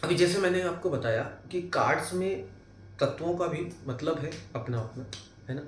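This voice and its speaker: A man's voice: fairly high pitch, moderate pace, a little hiss or hum. Echoey Hindi-accented man teaching tarot. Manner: explanatory, many tag questions and fillers. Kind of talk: explaining cards one by one. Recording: echoey room.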